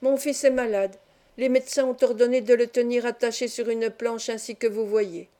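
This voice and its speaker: A woman reading a classic novel aloud as an audiobook, in a calm, measured storytelling manner. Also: fairly high pitch. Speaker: audiobook reader. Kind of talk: scripted narration of a classic novel.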